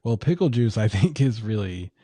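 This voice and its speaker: A man's voice: on the low side, very animated, normal speed, mellow, no room sound. A man co-hosting a podcast, chatting casually in easygoing, swearing bro talk. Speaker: podcast co-host. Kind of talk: casual chat. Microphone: podcast microphone.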